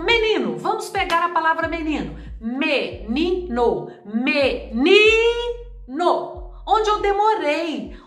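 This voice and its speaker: High, lively woman teaching grammar. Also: reverberant. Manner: didactic, repeats example words slowly to stress syllables. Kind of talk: video lesson.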